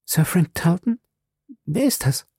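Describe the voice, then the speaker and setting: A man reading the part of a proud, wounded young woman who speaks in high, trembling reproaches. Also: expressive, measured pace, a little mellow, breathy edge, no echo, studio quality, full character voice. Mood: alarmed.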